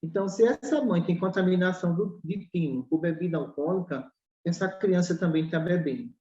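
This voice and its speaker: A woman's voice: on the low side, a little fast, mellow. A woman with a Brazilian Portuguese accent, a spiritual doctor explaining her teaching emphatically, acting out little dialogues and asking rhetorical questions. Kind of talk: explanatory talk in a spiritual study podcast. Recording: roomy, dull lo-fi recording.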